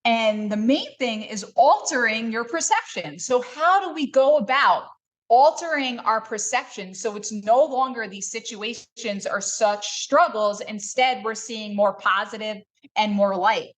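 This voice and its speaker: A woman hosting a wellness podcast, talking in a calm, coaching way in casual chat. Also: a little high, unhurried. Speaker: podcast host, wellness doctor.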